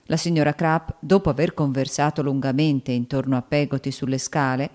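A woman calmly reading a classic novel aloud. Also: very deep voice, brisk. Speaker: audiobook narrator. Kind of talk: scripted literary narration.

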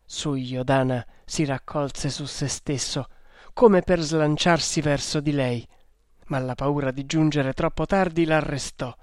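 A man narrating an audiobook in a measured, dramatic way. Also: fairly high pitch, fairly even intonation, darkish tone, dry recording, clean studio sound.

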